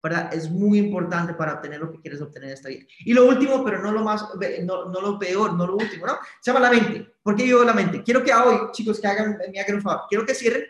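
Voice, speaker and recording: A man giving a live-streamed motivational training from his office, leading the viewers through a guided visualization and tagging nearly every sentence with a quick question. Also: sits high, fairly bright tone, reverberant.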